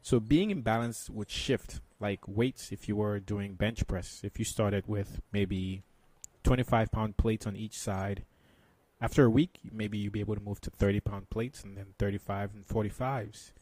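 A man's voice: on the low side, a little slow, darkish tone, no room sound. A man speaking as an interview guest, explaining things conversationally like a meditation teacher.

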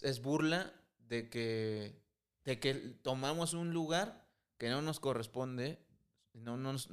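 A man's voice: mid-range voice, smooth. A man co-hosting a casual podcast, speaking earnestly straight to his listeners. He addresses them as brothers and stops and restarts his phrases as he thinks. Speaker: podcast co-host.

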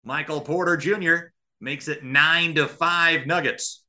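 A slightly slow, sharp-toned man with a voice on the high side and fairly even intonation calls a live basketball game for radio. He keeps up a present-tense running commentary in short clipped phrases, adding analysis.

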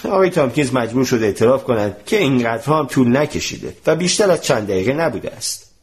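A man narrating a translated storybook in an expressive, animated reading voice. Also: medium pitch.

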